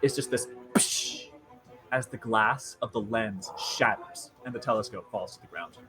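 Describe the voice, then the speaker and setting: A man's voice: fairly low pitch, moderate pace, over music. A man running a tabletop horror game as game master, chatty, with lots of fillers and frequent laughter.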